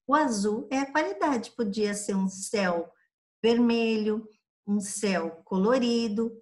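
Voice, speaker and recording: A woman from Brazil teaching a grade-school lesson review, patiently drawing out each example word for young pupils. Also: a little high. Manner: patient, spells out examples slowly for children.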